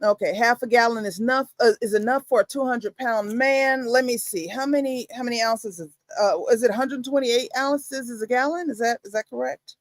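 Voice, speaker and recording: A woman with a fairly high voice chats on a livestream over a video call. She is playful, teasing and animated. Her sound is close and dry. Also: a little fast, hardly any pauses, dry recording. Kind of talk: casual livestream chat.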